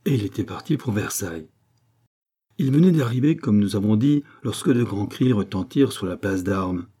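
A man reading a classic novel aloud in a measured, steady narration. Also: lowish voice, slightly rough. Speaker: audiobook reader.

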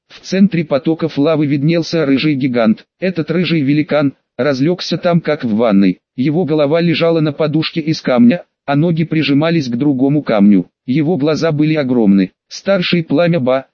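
A man reading an audiobook in a steady, even narration. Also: fairly high pitch, dry recording. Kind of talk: scripted narration. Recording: dull dry lo-fi recording.

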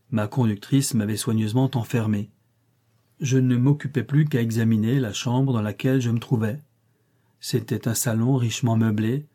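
An audiobook reader, a man with a medium-pitched voice that is dark, warm, and husky, reads a classic short story aloud in the first person with a measured, literary delivery.

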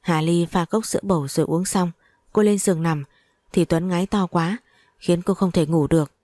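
Low, mellow-voiced woman reading a story. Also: steady tone, normal speed, dry recording. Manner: reads all characters in a near-plain voice. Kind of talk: audio story narration with dialogue.

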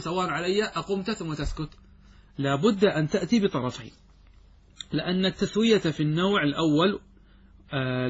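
A man teaching grammar in a classroom lecture, asking questions and answering them himself, and slowly drawing out quoted examples. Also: a little high, breathy edge. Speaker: Islamic scholar teaching grammar. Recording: dull lo-fi recording.

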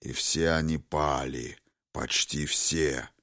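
A man voicing an ancient, wrathful ghost dragon in an audiobook, speaking slowly and solemnly. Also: rumbling low, steady tone, pushed and bright, dry recording, clean studio sound, pitched below the performer's own voice, exaggerated voice. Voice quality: slow, heavy, solemn delivery.

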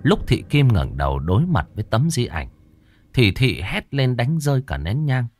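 A man narrating a ghost story with a dramatic, lively delivery. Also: mid-range voice, normal speed, slight background noise.

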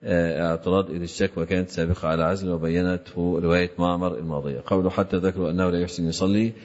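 A middle-aged man reads a classical commentary aloud and explains it, filling pauses with drawn-out "aah" sounds. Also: low-pitched, fairly even intonation, a little mellow. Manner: frequent drawn-out "aah" fillers between phrases. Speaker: Islamic scholar teaching hadith commentary. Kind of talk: reading and explaining a classical text. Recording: slightly dull lo-fi recording.

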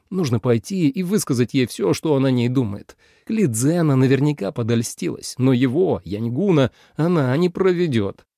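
Man narrating a storybook, gravelly dark voice, dry close mic. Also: medium pitch, no room sound. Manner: expressive, steady storytelling. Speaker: audiobook narrator. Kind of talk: scripted narration.

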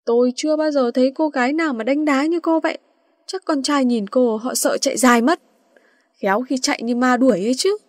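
A woman's voice: sits high, a little fast, dry recording, studio quality, close to an everyday voice. Woman reading as a brash mocking young man. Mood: quarrelsome. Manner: mocking, quarrelsome.

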